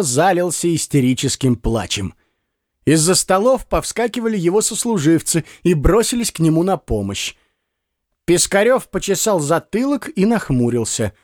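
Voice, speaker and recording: A man narrating a classic story for an audiobook in a measured storytelling manner. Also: on the high side, a little mellow, no echo, clean studio sound.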